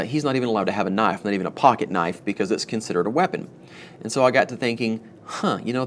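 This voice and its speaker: A man's voice: on the low side, slight background noise. A man hosting a homestead channel, rambling chattily to camera with self-mocking asides, a little wired from too much coffee. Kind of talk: casual talk to camera.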